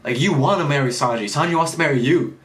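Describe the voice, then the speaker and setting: A man's voice: fairly high pitch, quick pace, fairly bright tone, natural voice. A man doing a brash young pirate captain. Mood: pushy. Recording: roomy echo.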